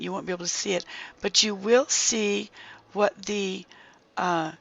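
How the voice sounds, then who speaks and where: Hoarse, croaky gamer with heavily creaking voice. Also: medium pitch, sharp tone. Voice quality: croaky, strained, breaking into whisper. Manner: halting, thinking aloud while working. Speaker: gaming video creator. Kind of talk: casual gameplay walkthrough commentary.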